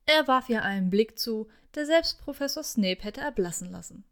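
A woman narrating a fan fiction story aloud in an expressive storytelling manner. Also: fairly high pitch, normal speed. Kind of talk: fan fiction audiobook reading.

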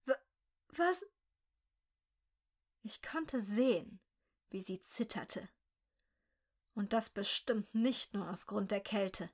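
A woman reading a dark first-person story aloud in a slow, measured, quietly tense way. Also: mid-range voice, breathy edge.

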